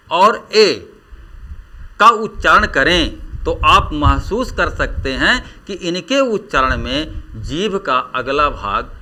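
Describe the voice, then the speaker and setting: A man teaching Hindi grammar in a lecture, drawing out vowels slowly as he demonstrates them. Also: a little high, pushed and bright. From India. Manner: slow, drawn-out vowel demonstrations. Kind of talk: classroom lecture.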